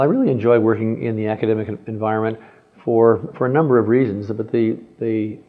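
An older man from Canada, a children's heart surgeon, talks in a low, flat, gravelly voice. He pauses often and restarts his phrases, speaking into a lapel mic in a clinic room. The sound is slightly dull. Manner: hesitant, many fillers and restarts. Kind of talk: profile interview. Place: clinic exam room, indoors.

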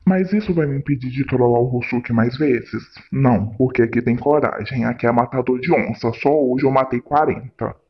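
A man's voice: mid-range voice, normal speed, few pauses, breathy edge, dull audio. A man hosting a casual prank vlog, talking in a playful, theatrical way. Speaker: prank vlogger.

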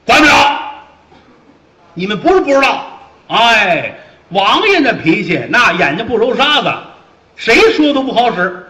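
A man's voice: sits high, animated, fast, pushed and bright, pitched above the performer's own voice. A man voicing a fat, pompous, irritable middle-aged army officer who blusters and talks shrilly. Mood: blustering. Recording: dull, roomy stage recording.

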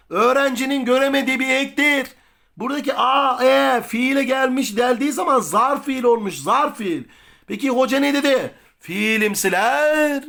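A man's voice: very high-pitched, vocal fry, fairly bright tone. A man teaching a grammar lesson for exam prep, quizzing students with repeated questions and answering them himself.

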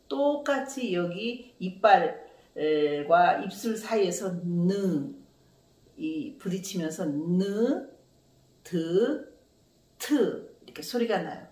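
A woman teaching children to read in a slow, clear phonics lesson, drawing out each carefully sounded syllable with a sing-song lilt. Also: mid-range voice, echoey room. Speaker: Korean language teacher.

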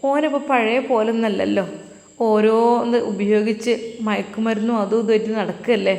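A woman voicing an elderly, pious, protective mother who speaks in a soft, tender way. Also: a little high, steady tone, normal speed, vocal fry. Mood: worried tender. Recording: echoey roomy recording with long reverb.

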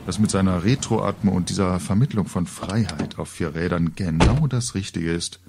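In a noisy setting, a middle-aged author narrates his own scripted comic story for audiobook at a moderate pace. His voice sits low, and his storytelling is wry and colourful.

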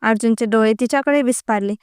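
A woman narrating a story in an even, unhurried reading voice. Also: a little high, smooth, dry recording, studio quality.

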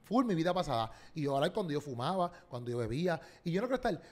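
Puerto rican comedian guy rattling off stories quick, acting out quotes, kinda high voice. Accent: Puerto Rican Spanish. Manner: animated, slangy storytelling, acts out quotes. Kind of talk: casual podcast chat.

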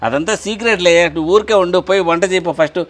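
Man playing a boastful, defiant husband, high and quick. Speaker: husband in a comedy skit. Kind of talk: comic sketch acting.

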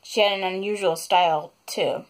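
A woman's voice: on the low side, fairly even intonation, moderate pace. A woman reading a chapter of her own novel aloud, unedited, stopping now and then to apologize for slips and add asides.

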